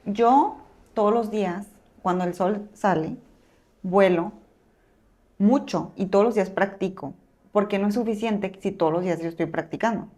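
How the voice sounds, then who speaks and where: A woman's voice: mid-range voice, normal speed, darkish tone, close to an everyday voice. A woman voicing a small, tireless hummingbird in a spoken story, curious and a little timid. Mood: curious, earnest.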